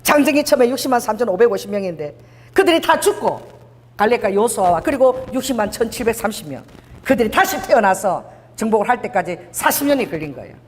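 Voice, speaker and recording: A woman preacher giving a lively sermon, acting out the voices of God and people from scripture as she teaches. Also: a little high, fast. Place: church sanctuary. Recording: long hall reverb.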